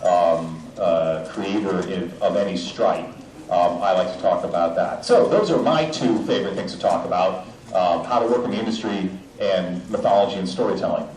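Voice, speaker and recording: Speaking low at a moderate pace, a voice actor trades jokes and chatter with fans during a convention Q&A, dropping filler sounds throughout. His handheld mic feeds the house speakers, whose clipping gives the voice a fuzzy distortion. The audio comes from a distance in a big hall full of audience, echoing with crowd noise.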